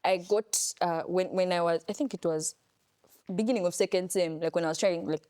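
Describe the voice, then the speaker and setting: A young woman, co-hosting a casual chat and telling a story in an animated, playful way. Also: fairly low pitch, a little fast. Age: young adult. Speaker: podcast co-host.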